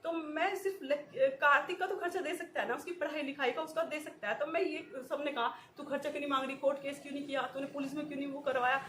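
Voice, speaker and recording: A woman's voice: high voice, fairly even intonation, fast, hardly any pauses, fairly bright tone. A woman, talking in an emotional personal vlog, in short repeated phrases and often breaking into nervous laughs. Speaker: vlogger. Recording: echoey room with faint ambient noise.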